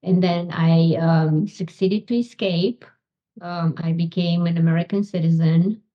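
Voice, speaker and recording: A Romanian-born woman in middle age answers interview questions at a very unhurried pace, pausing often with ums. Her voice sits a little low, and the recording sounds dull and lo-fi. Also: steady tone. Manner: slow, halting, many ums. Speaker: guest, physician and author.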